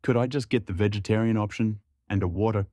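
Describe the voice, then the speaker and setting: A man voicing a young woman passenger who speaks politely and grows frightened, raising his voice high for her. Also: steady tone, quick pace, dry recording, lightly acted. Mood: polite, panicked. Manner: polite, rising to frightened shouts.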